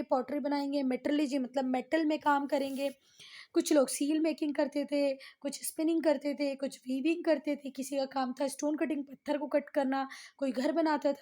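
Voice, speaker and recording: High-voiced Indian woman teaching a class. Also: warm tone. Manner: mixes Hindi and English, asks students questions and answers them herself; reads English lines slowly and deliberately. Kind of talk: online class lesson.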